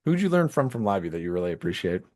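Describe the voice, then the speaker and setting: A man's voice: low voice, sing-song, very fast, darkish tone. A man hosting a podcast, asking questions and joking in a casual interview. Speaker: podcast host.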